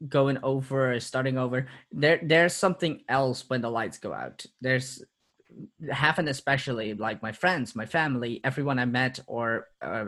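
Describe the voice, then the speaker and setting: A man's voice: medium pitch, a bit bright. A man talking as a podcast guest in casual interview chat, reflective, laughing often and repeating words as he restarts.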